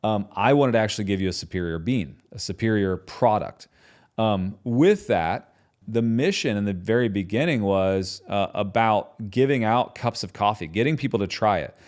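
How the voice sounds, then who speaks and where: A man hosting his own podcast, talking in a passionate, conversational way and often tagging his points with quick questions. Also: on the low side, lively intonation, a little mellow. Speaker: podcast host and business founder. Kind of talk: solo podcast talk.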